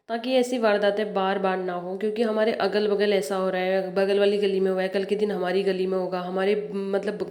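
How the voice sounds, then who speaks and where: A woman's voice: mid-range voice, mellow, no echo. A woman giving a casual, earnest vlog account of local news from a rooftop, often repeating her points for emphasis. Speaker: vlogger. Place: outdoors on a house rooftop.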